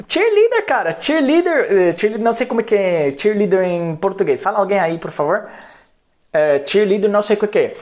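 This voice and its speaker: Speaking in a high register with a somewhat dark tone, a coach from Colombia, a man in his 30s, runs a chatty, playful English lesson streamed live. Tag questions pop up throughout his talk.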